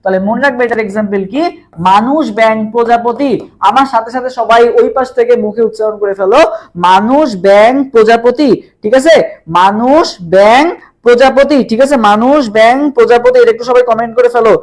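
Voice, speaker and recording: A Bangladeshi man with a very high, steady voice teaches a live online exam-prep class at a fast clip. He poses questions, answers them himself, and repeats key terms over and over.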